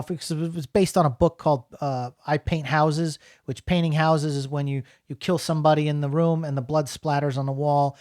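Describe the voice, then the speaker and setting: A man's voice: a little high, darkish tone, no echo, studio quality. A middle-aged man from New Jersey giving a casual, rambling spoken film review, full of fillers and restarts.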